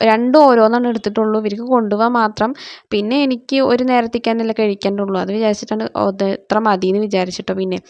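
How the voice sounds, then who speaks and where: A woman in her thirties with a Malayali accent, slightly hoarse, chatting through a morning cooking vlog in her kitchen. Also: medium pitch, dry recording, lo-fi sound. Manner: chatty, ends phrases with a soft "tto". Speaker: family vlogger. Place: home kitchen.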